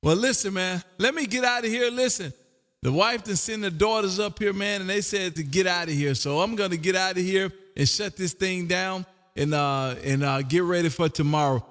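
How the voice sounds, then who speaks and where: At a normal speed, a man with a high-pitched, fairly bright voice hosts a laid-back ham radio chat, exuberant and folksy in tone. He's an operator livestreaming from his home radio room, and the recording has long hall reverb.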